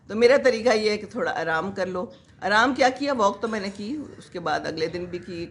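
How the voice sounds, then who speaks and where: A woman's voice: lowish voice, a bit bright, a little hiss or hum. A woman in her sixties, a vlogger who chats casually and rambles to her live viewers, with many fillers.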